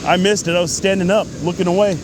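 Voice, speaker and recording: Higher-voiced man vlogging over loud water noise. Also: steady tone. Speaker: amateur angler filming a fishing vlog. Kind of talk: casual outdoor vlog chat. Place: outdoors by a waterfall. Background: rushing water.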